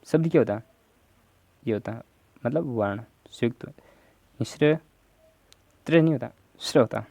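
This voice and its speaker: A man with a Rajasthani accent teaches Hindi grammar for exam prep, going through each answer option step by step. His voice is mellow and relaxed, recorded dry and close. He keeps nudging viewers to answer quickly. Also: mid-range voice, creaky, no echo.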